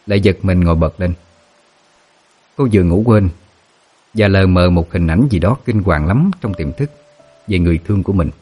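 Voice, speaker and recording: Deep, husky male narrator. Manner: steady, dramatic storytelling. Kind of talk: storytelling narration of a ghost tale.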